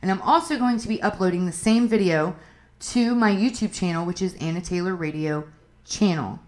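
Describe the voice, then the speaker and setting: A woman's voice: lowish voice, normal speed, a little mellow. A woman hosting a casual advice podcast, talking frankly and chattily with swearing and asides. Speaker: podcast host. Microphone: livestream on phone.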